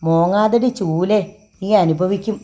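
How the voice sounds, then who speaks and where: A woman's voice: mid-range voice, measured pace, mellow, lightly acted. A woman voicing a drunk, bitter middle-aged man who rants abusively in a storybook reading.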